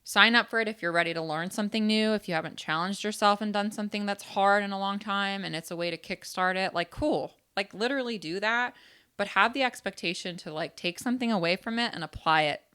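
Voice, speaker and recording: A woman's voice: medium pitch, a little fast, clear, resonant tone. A woman co-hosting a podcast, talking frankly and casually with plenty of filler words. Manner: frank, animated, lots of "like" fillers. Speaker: podcast co-host.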